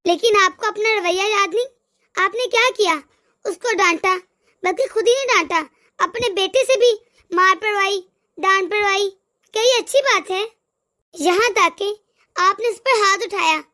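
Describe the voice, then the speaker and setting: A woman voicing a kind, wise middle-aged mother-in-law in a cartoon, who gently reasons and lectures. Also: very high voice.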